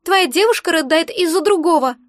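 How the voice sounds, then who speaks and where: A woman's voice: very high-pitched, lively intonation, a little fast, no echo, studio quality, voice pushed up. A woman voicing a sarcastic, nosy talking egg creature in a fantasy audiobook. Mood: mocking. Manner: sarcastic, needling.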